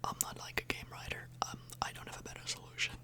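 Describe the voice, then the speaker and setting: Whispering fast, this woman runs an ASMR video, her breathy, voiceless words right up against the mic. She meanders informally with a touch of hesitation.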